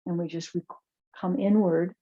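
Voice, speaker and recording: A woman teaching chair yoga, guiding movement and relaxation in a soft, soothing, unhurried way with pauses. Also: fairly low pitch, fairly even intonation, muffled recording. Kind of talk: guided yoga class and relaxation.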